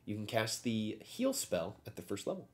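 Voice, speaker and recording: A man's voice: lowish voice, huge pitch swings, normal speed, a little hiss or hum. A man acting as game master, narrating a tabletop game and reading out rules.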